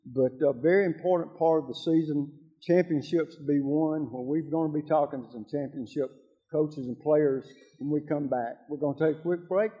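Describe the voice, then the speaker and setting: Folksy American man hosting, mellow voice. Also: a little high, normal speed, rough recording. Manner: folksy, addressing listeners directly. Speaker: host of a local high school sports show. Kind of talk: conversational sports talk show hosting.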